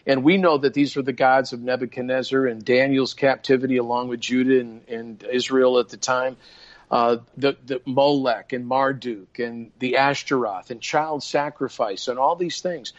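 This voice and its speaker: A man's voice: mid-range voice, fairly even intonation, normal speed. An older man talking in an earnest, preacherly way in a casual podcast conversation, often restarting his sentences. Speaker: guest minister. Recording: dull lo-fi sound.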